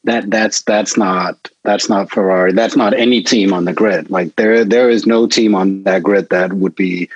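Deep-voiced man, emphatic and incredulous. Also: steady tone, moderate pace, hardly any pauses, husky, dry recording. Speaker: podcast co-host. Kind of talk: casual chat. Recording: slightly dull dry mic.

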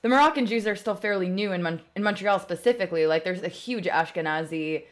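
A woman co-hosting a podcast, chatting casually with quick interjections. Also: on the low side. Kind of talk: casual chat.

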